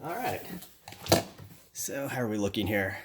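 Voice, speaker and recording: A man's voice: lowish voice, very animated, measured pace, very noisy. Chatty man unboxing on camera. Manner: chatty, loose, lots of fillers. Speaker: vlogger. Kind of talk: casual unboxing vlog.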